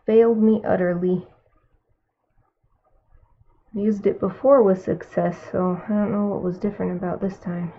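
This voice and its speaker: Over a tinny, phone-like recording, a woman with a Californian accent chats casually while painting live. Her mid-range voice keeps a fairly even intonation at normal speed, and she pauses often, musing aloud and murmuring to herself between remarks.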